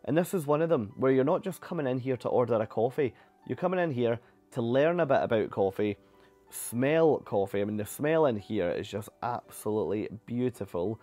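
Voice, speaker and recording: A man's voice: medium pitch, lively intonation, fairly quick, mellow, faint music behind. A young man narrating a cruise ship tour in a chatty, enthusiastic way, often repeating words for emphasis.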